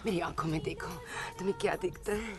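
A woman's voice: lowish voice, quick pace, over music, lightly acted. An actress playing a flirty, clingy woman in a film comedy, teasing and pleading. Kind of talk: Hindi film comedy acting.

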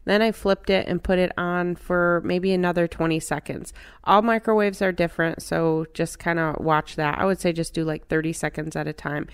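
A middle-aged woman narrating her home cooking step by step in a relaxed, chatty way. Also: on the low side, normal speed, clear, resonant tone. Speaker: cooking channel host.

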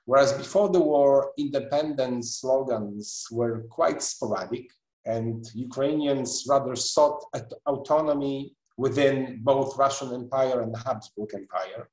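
A middle-aged man giving an online history lecture over a webcam video call, speaking in a measured way with frequent pauses and restarts. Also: mid-range voice, darkish tone, reverberant, poor audio. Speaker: guest lecturer. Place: indoor room at a computer.

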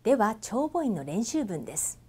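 A woman teaching English pronunciation, holding out long vowels and giving gentle, encouraging instructions. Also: fairly high pitch, sing-song, slightly rough. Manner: models drawn-out vowels and slow example sentences. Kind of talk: pronunciation lesson.

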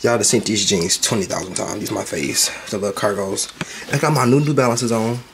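A man's voice: on the low side, fairly quick, vocal fry. A young man chatting casually and playfully to the camera in a loose vlog style, recorded from arm's length inside a car. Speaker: vlogger. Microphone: handheld camera at arm's length. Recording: loud road noise in a car. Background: car and road noise.

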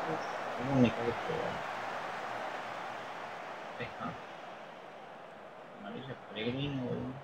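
A man's voice: medium pitch, a little slow, gravelly, pauses often, very noisy. A man with an Argentine accent casually commenting on his own football management game, reacting and swearing as he plays. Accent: Argentine Spanish. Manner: reactive and swearing, with sudden excited shouts. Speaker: gaming youtuber. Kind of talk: casual live gameplay commentary.

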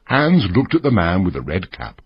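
A man reads a story for English learners in a very husky, fairly low voice. His pitch swings widely as he reads, measured and expressive. The sound is dry and slightly muffled. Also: dry recording. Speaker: narrator.

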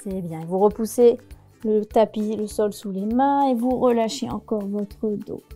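A young woman, a yoga teacher, guiding a children's class with gentle, encouraging, playful instructions. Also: mid-range voice, a little slow, soft background music.

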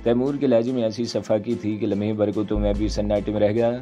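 A man narrating a thriller novel in the first person with steady, measured storytelling. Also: lowish voice. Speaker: audiobook narrator. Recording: dull lo-fi sound, faint music behind.

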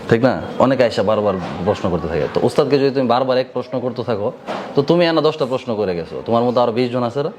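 A man's voice: medium pitch, quick pace. Man teaching madrasa kids, bangladeshi accent, keeps firing questions back at them, noisy background hum. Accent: colloquial Bangladeshi Bengali. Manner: quizzes listeners with repeated rhetorical questions. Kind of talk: moral lesson to students. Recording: steady background noise.

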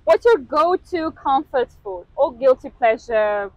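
A woman's voice: high-pitched, lively intonation, a little slow, no echo. A woman, asking questions as an interviewer on a walk outdoors. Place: outdoors in a park, walking. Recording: slightly dull lapel mic sound.

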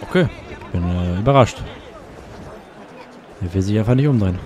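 A man's voice: on the low side, animated, normal speed, a little mellow, faint music behind, a faint crowd. A man commenting casually on his gameplay, chatty and sarcastic, grumbling at the game as he plays. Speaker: let's play gamer.

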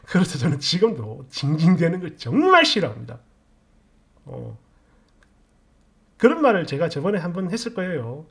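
Gravelly man musing aloud. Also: on the high side, wildly swooping pitch. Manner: rambling, thinking aloud with many pauses. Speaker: story channel host. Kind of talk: casual commentary on a reader's story.

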